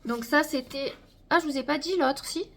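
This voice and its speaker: A chatty woman unboxes makeup at home, her voice pitched a little high. She talks straight to her viewers and trails off with fillers as she goes. A faint hiss sits under the recording. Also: moderate pace. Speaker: beauty vlogger. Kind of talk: casual haul unboxing chat.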